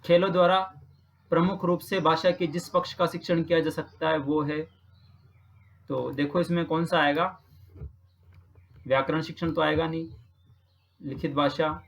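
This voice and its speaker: A man's voice: a little high, fairly even intonation, a little slow, creaky, pauses often. A man from Rajasthan who teaches, patiently talking through practice exam questions and repeating each answer with frequent check-ins. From Rajasthan, India.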